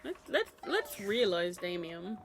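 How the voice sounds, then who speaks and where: Woman game streamer, chatty and foul-mouthed, animated voice on a desk mic, game music behind. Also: medium pitch, unhurried. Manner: chatty, swears freely. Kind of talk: casual live-stream commentary.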